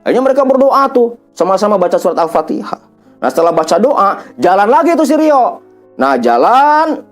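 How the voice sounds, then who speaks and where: A man narrates a ghost story in a loose, chatty way, dropping in the same fillers again and again. His pitch swings lively through the telling. Faint music plays underneath. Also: fairly quick.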